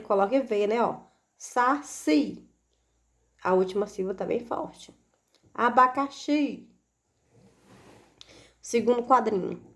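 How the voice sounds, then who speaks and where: A woman teaching a children's video lesson in a fairly high voice. She speaks slowly and patiently, stopping often to check that her pupils follow. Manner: slow, patient, asks rhetorical questions with frequent "né?".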